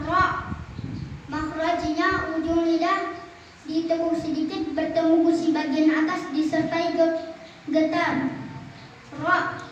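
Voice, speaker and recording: High-voiced woman reciting rules, echoey distant room. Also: lo-fi sound, a little hiss or hum. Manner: chanting lists of letters in a sing-song rhythm. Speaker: student reciting in an oral exam. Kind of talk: memorized recitation of Quranic reading rules.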